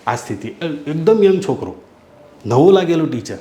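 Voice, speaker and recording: A man's voice: a little high, very animated, normal speed, warm tone. A middle-aged man, a school principal, telling heartfelt stories from his school in an earnest, emotional way in an interview. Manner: earnest, emotional, keeps addressing the listener as sir. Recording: roomy echo.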